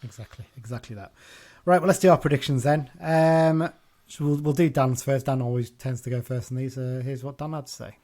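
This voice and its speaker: A man's voice: medium pitch, fairly quick, warm tone. Chatty man hosting a football podcast. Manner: chatty, with frequent restarts and self-corrections. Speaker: podcast host. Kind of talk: casual football chat.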